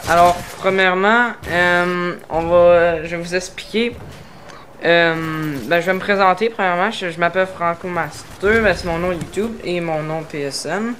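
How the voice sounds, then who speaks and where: Fairly even intonation, a moderate pace, and a high, fairly bright voice mark this man from Quebec, heard against slight background noise. Speaking with a Québécois French accent, the gaming YouTuber introduces his channel over gameplay, hesitant and filler-heavy but striving to enunciate.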